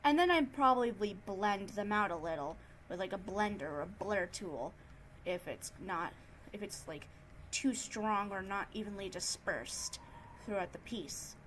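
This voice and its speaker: A woman narrating an improvised tutorial in a casual, subdued and somewhat monotone way. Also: medium pitch, measured pace, slight background noise, poor audio. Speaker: tutorial host, digital artist.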